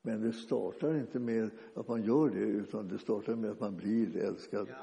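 A man preaching an informal sermon, speaking conversationally and haltingly with frequent restarts and fillers. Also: on the low side, vocal fry, dark tone. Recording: dull lo-fi sound with long reverb.

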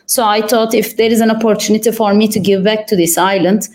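Young adult woman from Turkey, interview guest; unhurried, reflective answers broken by fillers. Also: medium pitch, fairly even intonation, a little mellow. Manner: thoughtful, pauses with frequent fillers. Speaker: podcast guest.

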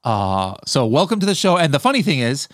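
An American man hosting a casual podcast, chatty and rambling, full of "uh" and "you know." His voice sits at an ordinary middle pitch. It is recorded close and dry, with no room sound at all. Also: very animated, fairly quick, no room sound. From United States. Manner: rambling, with many fillers and restarts. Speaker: podcast host. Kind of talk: unscripted podcast interview.

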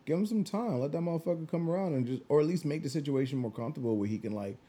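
Mellow young man chatting casually, slangy. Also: fairly high pitch, expressive, very fast. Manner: slangy, swearing, laid-back. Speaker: podcast co-host. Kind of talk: casual chat.

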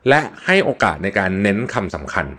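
A man's voice: lowish voice, big pitch swings, a little fast, bright, forceful tone. A man hosting a solo podcast, explaining tips in a chatty, casual way with frequent polite particles and repeated words. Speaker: podcast host.

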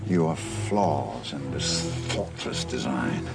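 An actor playing a haughty aristocratic master lecturing his servants, in a chewy, drawling put-on American accent, slow and contemptuous. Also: rumbling low, lively intonation, gravelly, over loud music, heavily acted. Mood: disdainful. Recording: clip from a TV series with loud score.

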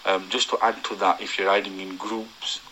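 A man with a Yorkshire accent reads his own cycling advice from notes. His voice sits low with little rise and fall, yet carries a bright, forceful edge. He speaks earnestly, with plenty of ums and quick corrections. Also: flat delivery, a little hiss or hum, rough recording. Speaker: guest cyclist giving advice. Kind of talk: reading prepared tips aloud.

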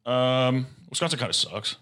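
A young man from Michigan co-hosting a casual podcast chat, joking in a deadpan way and swearing casually. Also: medium pitch, moderate pace. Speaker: podcast co-host.

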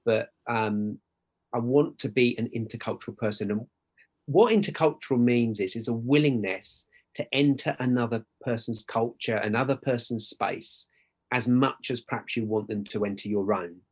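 A middle-aged Essex man with a mid-pitched voice talks conversationally as an interview guest. He is earnest and emphatic, telling personal stories and often tagging a point with a quick "right?". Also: darkish tone, slightly rough. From Essex, England. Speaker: podcast guest, church worker.

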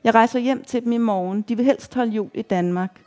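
Soft-spoken middle-aged woman, read by a narrator. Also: on the high side, natural voice. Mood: gentle. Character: friendly middle-aged woman chatting in a bar.

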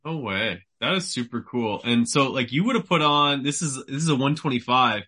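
Bright-voiced man hosting an interview. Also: medium pitch, moderate pace, breathy edge. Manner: enthusiastic, hesitant questions with "like". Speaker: podcast host. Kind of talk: casual interview.

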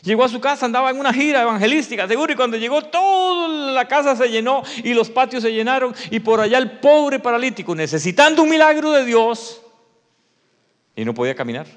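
A man preaching a sermon, acting out the story and swinging from shouts to hushed tones. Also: very high-pitched, animated, brisk. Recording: long reverb of a hall.

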